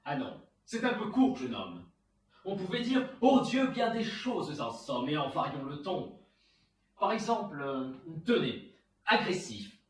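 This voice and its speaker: A man's voice: on the high side, sing-song, a little slow. A man playing a proud, witty, mocking swashbuckling poet, delivering a theatrical verse monologue like a hammy stage actor. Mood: mocking, playful. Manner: hammy, declamatory stage acting. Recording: roomy, echoing, far from the mic.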